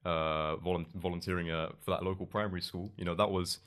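A man's voice: sits low, fairly even intonation, brisk, a bit bright. A young man from London with a London accent, a guest in a podcast interview, talking loosely with many restarts and fillers. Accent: London English. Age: young adult. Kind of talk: casual interview. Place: podcast studio with couch. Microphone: boom mic on arm.

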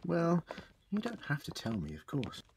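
An earnest alien time traveller played by a man speaks with very animated, theatrical phrasing in a fan audio drama. He is inquisitive and quick to apologise. There is clear noise on the recording. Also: fairly high pitch, heavily acted. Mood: probing, gentle.

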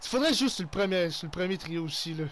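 A young man with a Québécois accent giving excitable play-by-play commentary on his own hockey video game, mixing in English exclamations. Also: high-pitched, fast talker. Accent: Québécois French. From Quebec. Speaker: gaming YouTuber.

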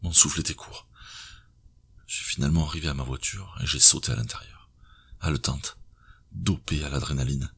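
A man with an extremely deep, gravelly voice reads a thriller in a tense, measured way. His tone is husky but bright-edged. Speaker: audiobook narrator. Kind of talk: scripted thriller narration.

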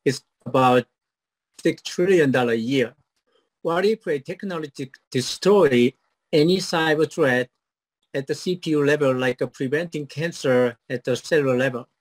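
A middle-aged Korean-accented startup founder delivers a rehearsed pitch over a video call from his home office, then answers questions haltingly, full of fillers and restarts. Picked up by a webcam, the recording is rough, with no room sound.

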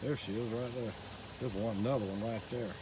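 A fishing vlogger from Northeast Florida films from a small boat on a river, talking excitedly but quietly into his handheld phone camera as he narrates. His voice is lowish and fairly quick, with insects and other outdoor noise audible behind him.

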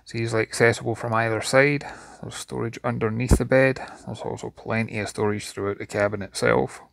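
A man's voice: medium pitch, fairly even intonation, a little fast, creaky, no room sound, studio quality. A man giving an enthusiastic walkthrough tour of a yacht's cabins and engine room, recorded inside the boat. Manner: enthusiastic, descriptive. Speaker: yacht reviewer.

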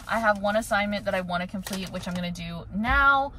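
A young woman in her twenties talks casually to a camera held at arm's length for her daily vlog, moving through a car, a gym, a bedroom and a kitchen. Her mid-range voice is animated, fairly quick and sharp, and she says "like" a lot. The recording is low quality, with a faint hiss or hum.

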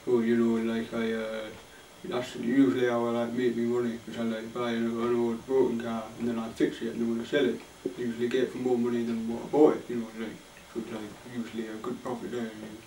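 A young man playing a dull, plodding car-dealer contestant in a game show parody, with a hesitant, rambling deadpan manner. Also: mid-range voice, fast talker, a little hiss or hum, lightly acted. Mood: flat, hesitant. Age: young adult. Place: small indoor room with makeshift set. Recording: echoey room, distant mic, faint music.

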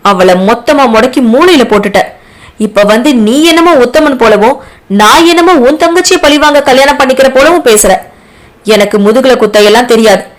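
A woman's voice: on the high side, natural voice. Woman reading a harsh defiant young man. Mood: angry. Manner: harsh and scornful.

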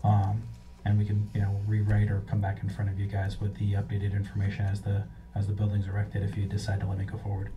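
A man's voice: lowish voice, completely flat delivery, fast talker, few pauses, warm tone, soft background music. A man applying before a zoning board, answering questions hesitantly with repeated restarts. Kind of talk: public meeting testimony. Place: town meeting room. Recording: distant, dull, faintly noisy mic.

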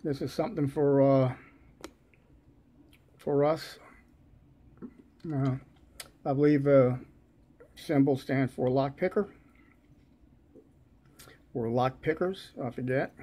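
New york guy going through a package real slow, lots of uhs, lozenge in his mouth, low mellow voice. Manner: slow, halting, many uh fillers, relaxed. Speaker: lock-picking channel host. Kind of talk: casual unboxing chat.

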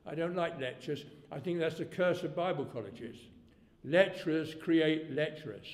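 At a moderate pace and with a voice on the high side, an eighty-something pastor rambles through a folksy sermon, his volume jumping up whenever he wants to make a point. The recording carries the long reverb of a church hall.

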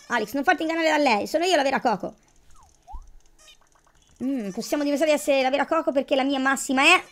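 A woman's voice: sits high, voice pushed up. A woman reading aloud the lines of an indignant female rabbit villager from a cartoon life game.

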